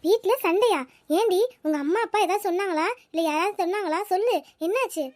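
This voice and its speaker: Cartoon schoolgirl friend, very high and quick, coaxing and lecturing, voiced by a woman. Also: darkish tone, no room sound. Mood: concerned. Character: caring, talkative village schoolgirl friend. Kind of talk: cartoon voice acting.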